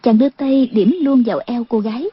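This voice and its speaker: A woman reads a martial-arts novel aloud in a steady storytelling manner. Her voice is fairly high and a little breathy. The recording is dull and lo-fi. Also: fairly quick. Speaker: audiobook narrator. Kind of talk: scripted narration.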